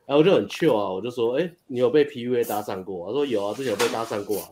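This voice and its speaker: A man's voice: mid-range voice, darkish tone, slight background noise. A young man, a dating coach, telling a story in casual chat, rambling and restarting as he goes. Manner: rapid, rambling retelling with frequent restarts and laughs.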